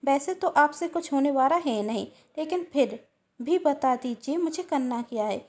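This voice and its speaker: A woman's voice: high-pitched, animated, normal speed, a little mellow. Woman voicing a jealous, anxious younger sister. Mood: sulky.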